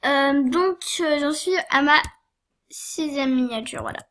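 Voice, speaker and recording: Young woman, high voice, sniffly with a cold, hesitant, lots of fillers, casual tutorial. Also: unhurried. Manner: hesitant, many fillers and apologies, giggly. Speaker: tutorial maker. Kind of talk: screen-recorded game tutorial.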